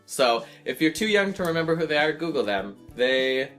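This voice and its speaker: A man's voice: a little high, very animated, moderate pace, fairly bright tone, faint music behind. An American man, around his thirties, chatting casually and reading old diary entries aloud in an amused, self-mocking, dramatic way. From United States. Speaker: vlogger.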